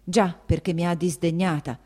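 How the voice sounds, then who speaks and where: A woman voicing a proud, hurt young woman who speaks in sharp, agitated outbursts in an audiobook. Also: fairly low pitch, steady tone, normal speed, lightly acted. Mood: indignant. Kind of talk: audiobook dialogue acting.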